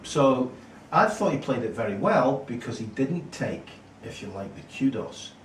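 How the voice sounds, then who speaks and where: A man arguing politics as a guest on a casual panel, animated and insistent. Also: mid-range voice, normal speed. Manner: argumentative, animated. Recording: roomy, mic at a distance, faint hiss.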